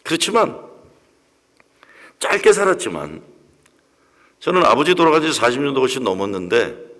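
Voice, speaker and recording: A man's voice: mid-range voice, big pitch swings, normal speed, a bit bright. A pastor in his sixties telling a personal story in a sermon, with emotional storytelling. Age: 60s. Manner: emotional storytelling, acts out quoted voices. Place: church sanctuary. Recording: long reverb of a church hall.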